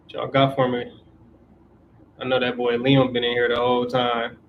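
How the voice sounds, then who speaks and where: This twenty-something man hosts a relaxed live stream, answering viewers' relationship questions in a mid-range voice that stays completely flat at a normal speed. The camera on an auto-tracking mount gives lo-fi sound with slight background noise.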